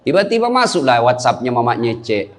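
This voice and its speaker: A man's voice: medium pitch, big pitch swings, brisk. A man giving a humorous sermon, joking and teasing his listeners with questions. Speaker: Islamic preacher.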